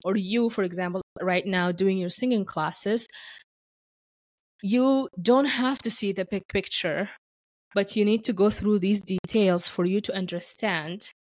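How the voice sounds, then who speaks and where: A woman's voice: medium pitch, a little slow, no echo. A woman from Sudan chatting casually as the host of a podcast. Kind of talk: casual chat.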